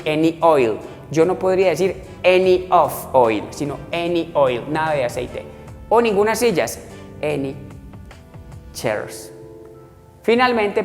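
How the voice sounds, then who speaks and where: A patient male teacher walks through grammar step by step and repeats each example slowly. His voice carries a long reverberant tail, and faint music plays underneath. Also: a little high. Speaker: English teacher. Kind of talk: classroom explanation. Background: faint background music.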